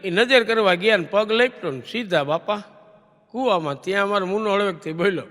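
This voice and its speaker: A man telling comic stories on stage, animated, throwing the punchline back to the audience as a question. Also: high-pitched, a little fast, big-room sound. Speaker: stage comedian. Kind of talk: comic storytelling to a live audience.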